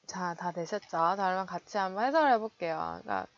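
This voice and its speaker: A woman English teacher giving an online lecture, explaining word meanings and stress and modeling pronunciation slowly. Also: lowish voice, highs cut off, heavy background noise.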